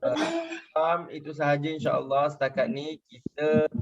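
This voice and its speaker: Heavy background noise surrounds a fairly high, steady-toned male voice at normal speed. He is a young adult with a Malaysian Malay accent, patiently teaching kids in an online religious class by repeating questions and checking comprehension, heard through muffled lo-fi video call sound.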